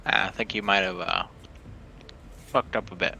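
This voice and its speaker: A man's voice: low voice, steady tone, unhurried, vocal fry, bright, forceful tone, slight background noise. A man playing a tabletop game, talking casually with the others at the table.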